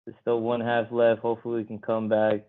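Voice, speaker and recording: A man's voice: mid-range voice, monotone, fairly quick. A man chatting casually on a sports podcast as a panelist, talking like a frat bro and peppering his speech with "bro". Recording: muffled, phone-like narrow sound.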